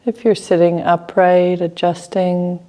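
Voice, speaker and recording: In a lowish, level voice, a woman teaches a guided meditation, her gentle words coming in short phrases with lengthy pauses in between.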